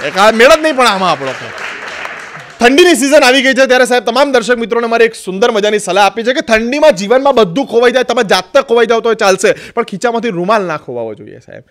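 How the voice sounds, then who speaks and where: A man's voice: very high voice, quick pace, some chatter behind. A man with a Gujarati accent telling jokes as a stand-up comedian, acting out the people in his stories. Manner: animated storyteller acting out quoted voices.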